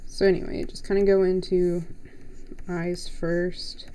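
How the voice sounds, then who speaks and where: A woman's voice: on the low side, level tone, a little slow, warm tone, clear, resonant tone. A young woman live-streaming as she draws, chatting casually and rambling to herself while she works. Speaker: artist live-streaming a drawing.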